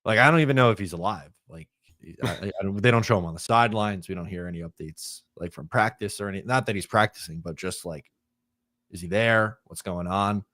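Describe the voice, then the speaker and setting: A man co-hosting a casual sports podcast, talking in a halting way and often repeating words as he thinks. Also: fairly low pitch, fairly bright tone, no echo, clean studio sound. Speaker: podcast co-host.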